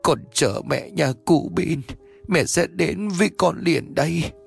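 A man's voice: fairly high pitch, slow, gravelly, slightly rough, faint music behind, voice pushed up, full character voice. A man voicing a grieving young mother who whispers through tears. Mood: despairing. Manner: tearful, whispered.

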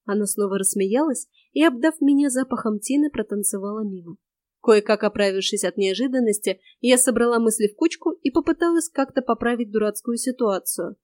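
A woman reads a first-person fantasy story aloud with a lively, wry delivery. Her voice sits a little high. The recording is dry and close, with no room around it. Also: a little fast, no echo. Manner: lively, wry, expressive reading. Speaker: audiobook narrator. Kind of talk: first-person audiobook narration.

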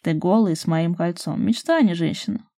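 A woman voicing a gruff, loving man who grumbles jokingly and whispers tenderly in an audiobook. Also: a little fast, warm tone, no echo, studio quality, close to an everyday voice. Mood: grumbling joking. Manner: husky low whispers, mock grumbling.

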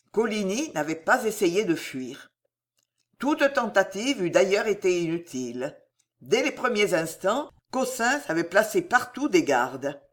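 An audiobook reader narrating a dramatic historical novel in a slow, expressive storytelling manner. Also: mid-range voice.

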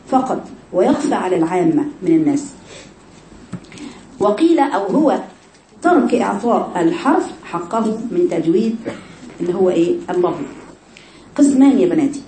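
A woman's voice: mid-range voice, mellow, echoey room, slight background noise. A woman with an Egyptian accent teaching Quran recitation rules to a class of women, asking rhetorical questions and demonstrating mistakes aloud. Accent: Egyptian Arabic. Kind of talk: tajweed lesson to women.

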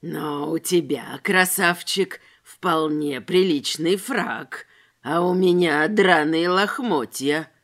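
A woman voicing a noseless, mocking male street robber with a hoarse, wheezy voice and slow, sneering taunts. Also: low-pitched, a bit bright, voice pushed down, exaggerated voice.

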